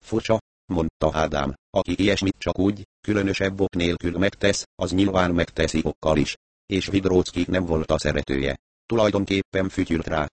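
A composed male investigator, voiced by a man reading the book, presses his questions in a measured, reasoning way. The voice sits deep and the recording is close and dry, with no room around it. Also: dry recording, lightly acted. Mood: probing. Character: male investigator, calm, probing, philosophical.

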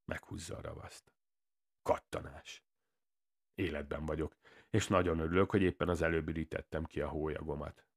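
A man's voice: a bass voice, fairly even intonation. A man reading a first-person crime story aloud in a dry, matter-of-fact way. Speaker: audiobook narrator. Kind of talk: first-person audiobook narration.

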